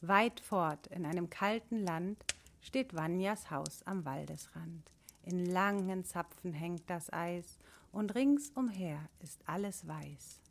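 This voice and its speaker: A woman narrating a rhymed children's storybook in a measured, sing-song way. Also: lowish voice.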